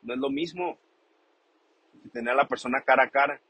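A man calmly explains the meaning of a song's lyrics, often rephrasing and repeating himself as he thinks aloud. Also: medium pitch, a little fast, breathy edge, no room sound, rough recording. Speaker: song commentator. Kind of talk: casual explanatory commentary.

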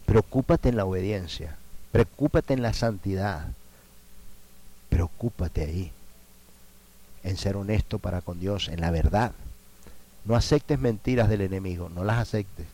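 A man preaching a sermon, moving from quiet prayerful lines to loud, emphatic cries. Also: deep voice, measured pace, long pauses, low-quality recording.

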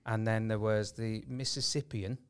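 A man in a casual podcast chat, reminiscing and reading facts aloud haltingly. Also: fairly low pitch, steady tone, smooth.

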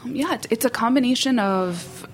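A woman's voice: on the high side, moderate pace. A woman guest on a radio show, co-directing an event and talking in a friendly, rambling way with frequent restarts. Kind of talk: casual radio chat.

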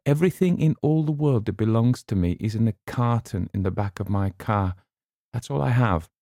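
A man reading an audiobook voices a young woman who laughs and pleads in a raised, high voice. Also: normal speed, dark tone, dry recording, studio quality, natural voice. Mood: giddy pleading. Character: young woman, giddy and unmoored.

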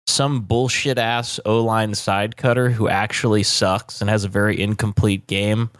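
A man's voice: fairly low pitch, little pitch movement, a little slow, dry recording, clean studio sound. A man co-hosting a casual podcast, giving blunt, profane hot takes with plenty of swearing. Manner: blunt, profane trash talk. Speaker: podcast co-host. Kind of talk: casual chat.

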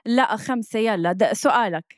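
A woman's voice: medium pitch, moderate pace, no room sound, studio quality. A woman with a Lebanese Arabic accent in casual, playful chat, dropping English words into her talk.

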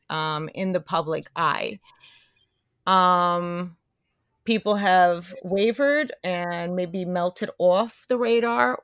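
A woman hosting a podcast in a loose, chatty way, encouraging her guest and turning often to her listeners. Her voice sits a little low, and the recording is dry and close. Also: fairly bright tone, no echo. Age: older than her guest. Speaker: podcast host. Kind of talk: casual interview chat.

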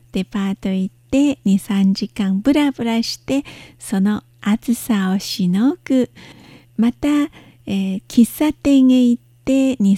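A woman's voice: a little high, dark tone, no room sound, clean studio sound. A woman teaching a language lesson, explaining words patiently and spelling out their pronunciations step by step.

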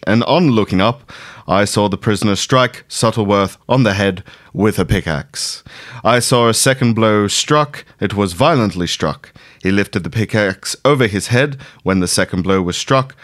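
A man's voice: fairly low pitch, fairly bright tone, no echo, studio quality, natural voice. A man reading a male witness's court statement in a formal newsreader voice, with an Australian accent. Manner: formal newsreader delivery, raised and measured.

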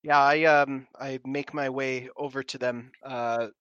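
A man playing a tabletop game talks slowly and haltingly, with restarts. His voice is bright, and the recording is dry. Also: mid-range voice, fairly even intonation, smooth, no echo, dull audio. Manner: hesitant, halting. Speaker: player.

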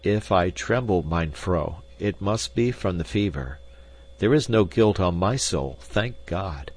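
A man reading aloud, voicing a feverish, troubled working husband in a low, subdued way. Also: lively intonation, breathy edge, exaggerated voice. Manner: halting, low and quiet. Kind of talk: audiobook character voice.

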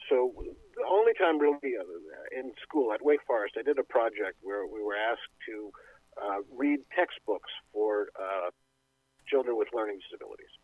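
A man being interviewed as a radio guest over a tinny phone line, telling stories in a halting, self-interrupting way. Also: on the low side, expressive, husky, dry recording. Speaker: radio show guest, poet and speaker. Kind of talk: conversational interview. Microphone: phone call.

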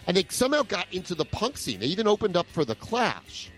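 A man's voice: sits high, big pitch swings, fast, a bit bright. A man co-hosting a podcast, casually chatting and sharing music trivia. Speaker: co-host of a music countdown podcast. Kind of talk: casual chat.

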